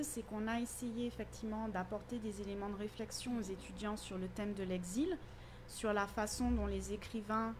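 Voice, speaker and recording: A woman literature teacher, a guest in an interview, explaining her class's work in an articulate, measured way. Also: medium pitch, a little mellow, slight background noise.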